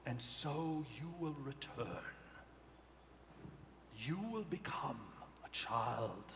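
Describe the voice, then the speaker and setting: A man voicing Death, a stern judge of souls, in a slow, hushed, raspy whisper. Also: mid-range voice. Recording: live hall reverb, faint noise.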